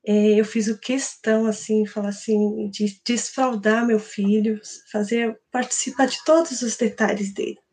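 A woman's voice: on the high side, steady tone, a little slow, few pauses, darkish tone. Earnest Brazilian woman sharing her testimony. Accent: Brazilian Portuguese. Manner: earnest, emotional storytelling with quoted prayers. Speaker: church member giving testimony. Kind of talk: personal testimony.

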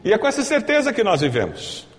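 Brazilian man, pastor delivering a sermon in a reverberant church hall, voice on the higher side, presses to emphatic peaks. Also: wildly swooping pitch, fast talker. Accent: Brazilian Portuguese. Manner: rising to emphatic peaks, rhetorical questions to the congregation.

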